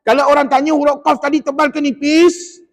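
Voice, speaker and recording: A man's voice: extremely high pitch, level tone, a little fast. A man with a Malaysian Malay accent teaching Quran recitation, quizzing his class and modelling each sound for them to repeat. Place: mosque hall. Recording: long mosque reverb.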